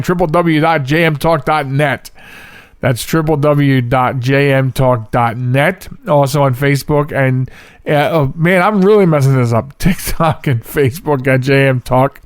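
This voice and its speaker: In a dry studio-quality recording, a fairly high-pitched man with a clean tone talks alone on his podcast. He's American, and his casual chat rambles, with frequent self-corrections as he goes.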